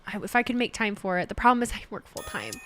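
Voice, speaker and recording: A woman's voice: medium pitch, big pitch swings, quick pace, noisy background. A woman in her thirties streaming and chatting casually, rambling and correcting herself as she reads chat. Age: 30s. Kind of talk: casual livestream chat, reading chat.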